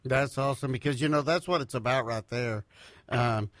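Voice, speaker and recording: A man's voice: mid-range voice, normal speed, fairly bright tone, no room sound. A man hosting a radio interview in a studio, friendly and folksy. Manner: friendly, folksy, uses "y'all" and "fixing to". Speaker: radio host.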